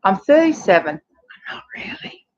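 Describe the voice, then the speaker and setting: A woman's voice: medium pitch, sing-song, normal speed. A woman in her forties giving frank, chatty relationship advice to camera, with many fillers. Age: 40s. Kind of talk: casual direct-to-camera advice. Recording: dull lo-fi sound with faint noise.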